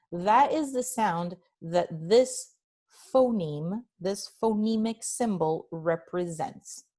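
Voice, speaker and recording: A woman's voice: a little high, a little mellow. A woman teacher giving a recorded phonetics lecture, speaking carefully and repeating example sounds. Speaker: language teacher.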